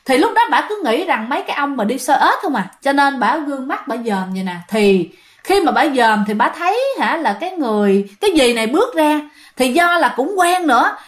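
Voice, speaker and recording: A woman tells a ghost story in a casual, chatty way. She speaks straight to her listeners, and her voice sits slightly high. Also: very animated, brisk. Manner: chatty, addresses listeners directly.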